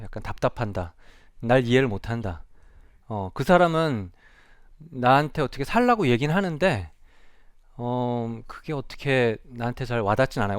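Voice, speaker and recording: A man's voice: mid-range voice, no room sound. Earnest male psychiatrist, dry close sound. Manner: reflective and earnest, asks the audience rhetorical questions. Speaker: child and adolescent psychiatrist giving a talk. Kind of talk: public lecture talk. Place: stage before a live audience.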